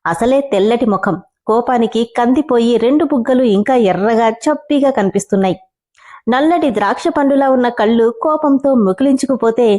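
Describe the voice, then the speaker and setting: Mellow-voiced woman narrating a story. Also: a little high. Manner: expressive, switching between voices. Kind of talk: narrating a story and voicing its characters.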